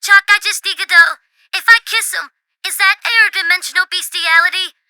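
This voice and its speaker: A woman's voice: very high-pitched, normal speed, sharp tone, no room sound, full character voice. A woman playing a brazen, lovestruck radio caller with a sassy, confiding manner in a comedy audio drama. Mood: sassy, smitten.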